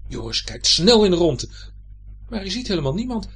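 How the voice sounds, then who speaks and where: A man narrating a children's story in an expressive, lively way. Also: sits high, moderate pace, slightly rough.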